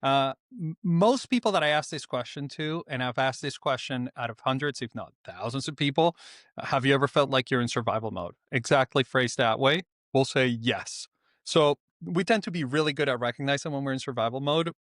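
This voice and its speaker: Middle-aged man, mid-pitched, dry close sound, measured guest. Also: no echo. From Venezuela. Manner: calm, explanatory, with frequent "uh" pauses. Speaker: guest author. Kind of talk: reflective interview answers.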